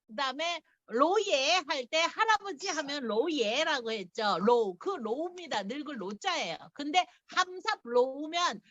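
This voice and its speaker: A middle-aged woman leads a casual language lesson, walking through each point and laughing often. Her voice sits high and bright, and her pitch swings widely. The recording is close and dry. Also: dry recording. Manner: chatty, laughs often, explains step by step. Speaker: language teacher.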